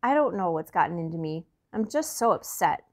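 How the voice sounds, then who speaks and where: A woman reading a storybook aloud and voicing Boober, a grumpy, fretful male Fraggle, slow and emphatic. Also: on the low side, very animated. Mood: grim.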